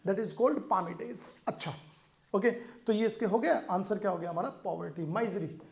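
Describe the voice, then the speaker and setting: A man's voice: high-pitched, moderate pace, gravelly, darkish tone. Indian man teaching exam English. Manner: explains word meanings in Hindi mixed with English, repeating "ठीक है". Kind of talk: exam-prep vocabulary lesson.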